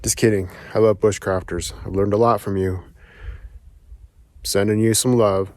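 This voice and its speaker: A man's voice: lowish voice, steady tone, normal speed, a little mellow, no room sound. A man vlogging outdoors on a forest hike, upbeat and encouraging, out of breath as he climbs. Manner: upbeat, encouraging, talks while hiking. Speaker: solo backpacking vlogger. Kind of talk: casual outdoor vlog to camera.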